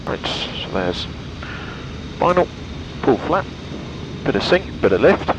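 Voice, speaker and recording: A British pilot and vlogger gives a casual commentary from the cockpit of a light aircraft, thinking aloud as he concentrates and making radio calls into his headset. His medium-pitched voice is slow and sing-song, with background noise behind it.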